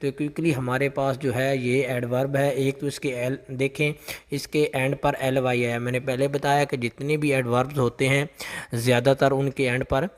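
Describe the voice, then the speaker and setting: A man teaching English grammar for a job test, explaining each answer with lots of repetition and reading the English sample sentences out slowly. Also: medium pitch, flat delivery, in a large hall. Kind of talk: explaining exam questions.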